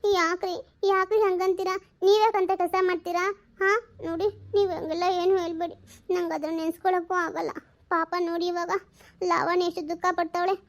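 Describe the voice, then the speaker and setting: A woman's voice: extremely high pitch, little pitch movement, a little fast. A woman playing a chatty, sentimental housewife who scolds her daughter and frets with her husband in a comedy sketch. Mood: emotional.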